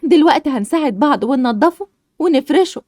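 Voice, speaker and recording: A woman voicing a patient, soothing mother of daughters, speaking in an Egyptian accent, lower than her own voice. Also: animated, fast, a little mellow, no room sound, clean studio sound. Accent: Egyptian Arabic. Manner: soothing, reassuring.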